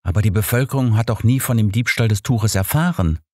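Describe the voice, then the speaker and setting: A man's voice: on the low side, brisk, mellow, no echo, clean studio sound, natural voice. A man voicing an earnest young male pastor who justifies himself in an audiobook. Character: young male pastor, bitter, defensive confessor.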